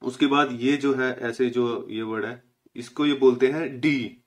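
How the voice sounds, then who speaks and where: A young man from India giving a casual spoken language lesson, patiently explaining and slowly repeating each letter's sound. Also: mid-range voice, fairly even intonation. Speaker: language teacher.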